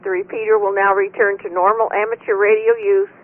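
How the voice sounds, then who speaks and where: A woman's voice: mid-range voice, little pitch movement, brisk. A woman hosting an amateur radio net as net control, speaking procedurally over two-way radio. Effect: two-way radio transmission. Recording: tinny narrow-band radio, clear static noise.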